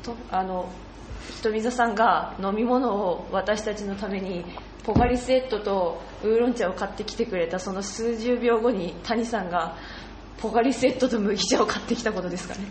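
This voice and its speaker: A woman's voice: medium pitch, moderate pace, darkish tone, roomy sound, slight background noise. A woman with a Fukushima accent chatting as a podcast guest, gushing with thanks. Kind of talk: casual chat.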